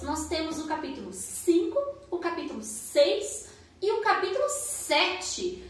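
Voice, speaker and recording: A woman with a high voice teaches at a children's church service, telling a Bible story in a sing-song, coaxing way and repeatedly asking the children questions. The room she's recorded in is very echoey.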